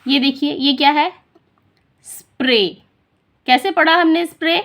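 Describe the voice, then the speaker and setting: A woman teaching children to read, slowly and patiently, repeating sounds and asking questions. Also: sits high, a bit bright. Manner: slow, patient, repeats and quizzes the listener. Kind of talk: phonics lesson for children.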